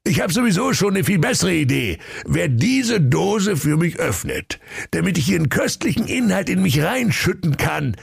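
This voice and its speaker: A high bellowing greedy king. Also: big pitch swings, normal speed, vocal fry, slightly rough, full character voice. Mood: scheming. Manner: shouting, bellowing demands. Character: gluttonous bossy old fairy-tale king.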